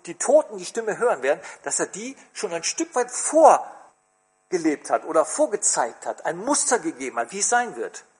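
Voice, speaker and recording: Lively, husky-voiced male preacher. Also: sits high. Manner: expressive, asks the congregation questions. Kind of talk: sermon.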